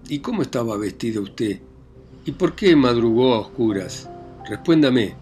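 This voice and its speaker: A man's voice: lowish voice, normal speed, soft background music, natural voice. A man reading aloud plays a stern, bullying village magistrate who interrogates and barks orders. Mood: furious. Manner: interrogating, commanding, shouting.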